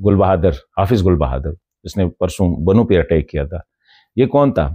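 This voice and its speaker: A man's voice: sits low, expressive, slightly rough, no room sound, muffled recording. A man from northwest Pakistan giving a commentary, speaking straight to a colleague with rhetorical questions and respectful reproach. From Khyber Pakhtunkhwa, Pakistan. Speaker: journalist and commentator. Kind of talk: direct-address commentary video.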